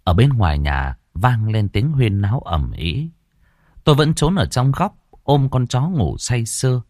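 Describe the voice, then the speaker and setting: A man narrating an audio horror story in an expressive, dramatic way into a close mic. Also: medium pitch, measured pace, dry recording.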